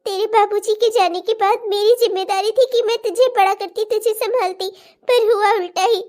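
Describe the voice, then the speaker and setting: A woman's voice: very high-pitched, fairly even intonation, moderate pace, a little mellow. A woman voicing a remorseful mother in a cartoon, speaking through tears. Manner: tearful, remorseful. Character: remorseful older mother, tearful. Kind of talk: cartoon voice acting.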